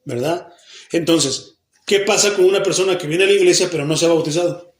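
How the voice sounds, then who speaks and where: This Mexican pastor has a slightly high voice and talks a little fast, his Mexican Spanish accent coloring a Bible study sermon in a church hall. He repeatedly poses questions to the congregation and answers them himself, acting out the people he quotes, even with mock babbling.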